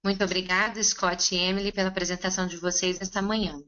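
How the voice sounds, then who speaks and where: A woman interpreting a seminar consecutively, relaying each line in a steady, conversational way. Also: fairly low pitch, fast talker, lo-fi sound.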